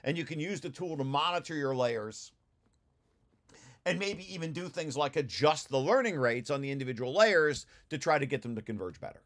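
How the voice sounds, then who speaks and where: Over shared slides, a study group leader informally explains a research paper's technical details, repeatedly restarting and repeating phrases. His fairly high voice is expressive and a bit bright, delivered at normal speed.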